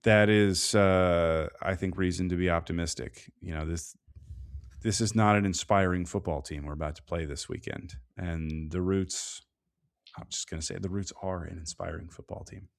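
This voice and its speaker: A man co-hosting a casual sports podcast, talking through soccer analysis in a measured way, thinking aloud with plenty of fillers. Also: deep voice, steady tone, gravelly. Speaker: podcast co-host.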